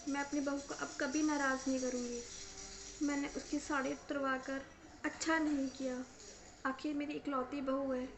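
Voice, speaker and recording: A woman playing an older mother-in-law who slowly and regretfully reflects on how she has treated her daughter-in-law. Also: high voice, level tone, background noise. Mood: remorseful. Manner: slow, regretful musing to herself. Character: older mother-in-law, sharp-tongued then remorseful. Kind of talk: acted family story.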